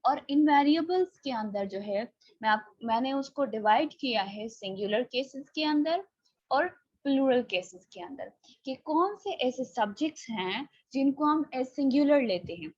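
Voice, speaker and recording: High-voiced woman teaching grammar online. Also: animated, measured pace, a little mellow, husky, dry recording, dull audio. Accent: Pakistani. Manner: explains patiently, mixing in English phrases. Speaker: English teacher. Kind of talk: online class lecture.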